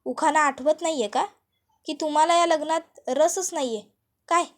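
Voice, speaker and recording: A woman's voice: sits high, normal speed, natural voice. A woman voicing a sarcastic older man who mocks the bride. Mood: sneering. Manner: sarcastic, needling. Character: sneering older man, a mocking relative.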